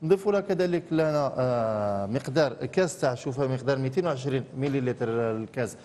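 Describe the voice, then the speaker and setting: A man's voice: medium pitch, darkish tone, in a large hall. A man with an Algerian accent, a TV chef talking through a recipe step by step in a studio kitchen. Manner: rapid, explaining steps. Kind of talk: cooking demonstration.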